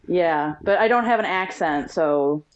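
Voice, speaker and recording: A woman from Illinois in the US Midwest, appearing as a guest on a podcast, chats casually in an interview setting and laughs often. Her voice sits on the low side, with lively intonation and a slightly slow delivery. The audio is dull and lo-fi.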